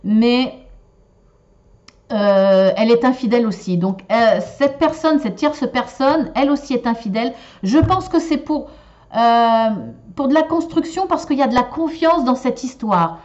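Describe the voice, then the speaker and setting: A woman's voice: fairly high pitch, unhurried, darkish tone. A woman giving a relationship card and shell reading to viewers, talking in a hesitant, casual way with many fillers and restarts. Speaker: tarot and shell reader. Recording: slightly dull lo-fi sound.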